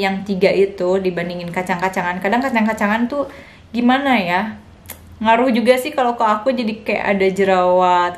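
A young woman, chatting frankly to her viewers as a vlogger and new mother, and acting out what others said to her in a raised voice. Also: mid-range voice. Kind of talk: casual chat to viewers.

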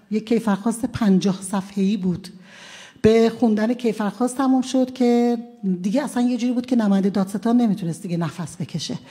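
A woman's voice: a little high, mellow. A woman from Iran, a defense lawyer, recounting courtroom events at a press conference in a conversational way, with frequent hesitant fillers.

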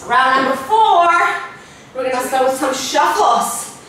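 A woman's voice: sits high, lively intonation, a little slow, fairly bright tone, slight background noise. A woman fitness instructor coaching a workout with short encouraging cues, out of breath as she exercises along. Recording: roomy, from far off.

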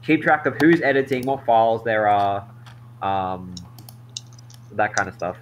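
A man giving casual race commentary, practical and organizing, with halting restarts. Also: fairly low pitch, animated, a little hiss or hum, rough recording.

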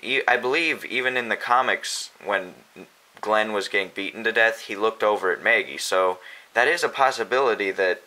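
A man's voice: fairly low pitch, normal speed, bright, forceful tone, rough recording. A young man casually answering viewer questions as host of a fan video, chatty and unscripted, with many fillers and restarts.

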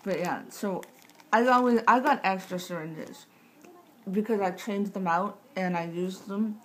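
A woman in her thirties speaks through a tight jaw at a middling pitch, as if chatting to a camera in her living room. She rambles in a matter-of-fact way, often breaking off mid-sentence. A faint layer of room noise sits behind her. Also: unhurried. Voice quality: tight-jawed speech from recent jaw surgery. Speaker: vlogger sharing surgery recovery tips. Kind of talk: casual chat to camera. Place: small living room, indoors. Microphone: camera mic at about arm's length. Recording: clear background room noise.

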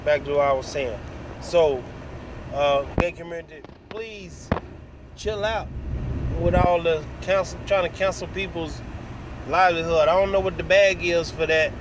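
In a fairly high voice and a slightly slow delivery, a middle-aged American man rants bluntly and casually, swearing as he goes. He's a vlogger filming on a phone at arm's length inside a vehicle cab that could be parked or moving. Car and air conditioning hum sit under this phone recording, and the vehicle noise is clear.

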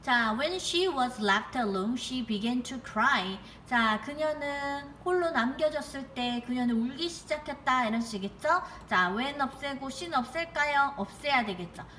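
A woman's voice: high-pitched, animated, bright, forceful tone, slight background noise. Woman teacher coaxing students through grammar. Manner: coaxing, asks students rhetorical questions; reads English example sentences slowly. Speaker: English teacher. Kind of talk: online grammar lesson. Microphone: computer mic while writing with a mouse.

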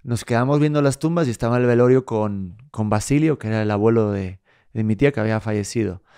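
A man hosting a podcast and chatting casually, an emotional, jokey and animated storyteller. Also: lowish voice, fast, clean tone. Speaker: podcast host. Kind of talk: casual chat.

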